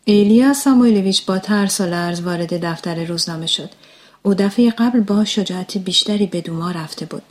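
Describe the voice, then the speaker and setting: A woman narrating a story aloud in calm audiobook style. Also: mid-range voice.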